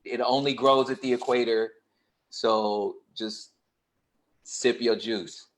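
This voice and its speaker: A man, a poet and hip hop artist, talking casually on a panel in a relaxed way with lots of fillers. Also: mid-range voice, takes it slowly. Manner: relaxed and conversational, with many fillers and a laugh.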